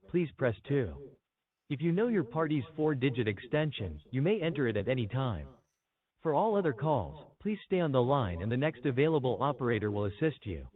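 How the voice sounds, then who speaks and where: A man's voice on a recorded phone menu message, reading the options in an even, scripted announcer delivery. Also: medium pitch. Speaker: automated phone greeting. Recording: tinny phone line.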